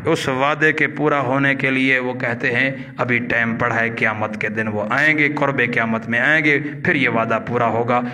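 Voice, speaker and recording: A man's voice: mid-range voice, fairly even intonation, sharp tone. A man giving a religious lecture that explains Arabic grammar, teaching in a didactic way. He asks the audience questions and answers them himself. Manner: chants Arabic verb patterns slowly. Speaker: religious preacher.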